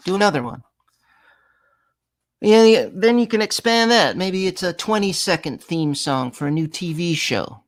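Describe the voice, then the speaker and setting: A man's voice: on the high side, gravelly, a bit bright. A man leading a songwriting masterclass, talking casually with many restarts and sudden sung examples. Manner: conversational, full of restarts, breaks into sung and acted examples. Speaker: songwriting teacher.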